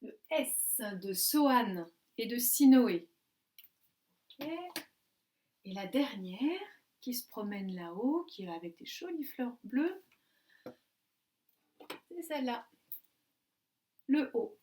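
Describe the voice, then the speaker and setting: A woman giving a recorded lesson to young children, coaxing and sing-song, spelling letters out slowly. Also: fairly high pitch, lively intonation, a little mellow, a little hiss or hum. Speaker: kindergarten teacher. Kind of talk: remote class video lesson for young children.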